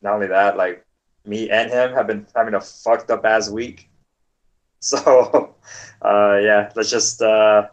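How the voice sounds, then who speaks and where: A man's voice: on the low side, fairly even intonation, slow pace, dull audio. A young man co-hosting a gaming podcast in casual, swear-filled chat. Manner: laid-back, swears freely. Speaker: podcast co-host.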